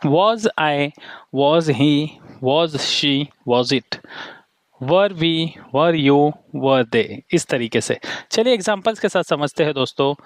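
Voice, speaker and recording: A man teaching English grammar in Hindi, calling viewers his friends and reading each English example slowly and carefully. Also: fairly high pitch, expressive, no room sound.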